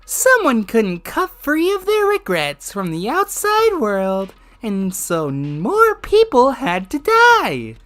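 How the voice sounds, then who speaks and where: A man's voice: very high-pitched, huge pitch swings, fairly bright tone, pitched above the performer's own voice, full character voice. A man voicing a sly, gleefully cruel male bear mascot villain in a video game, with a somewhat sick voice. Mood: mock-sorrowful. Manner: slow, singsong, mock-sorrowful taunting.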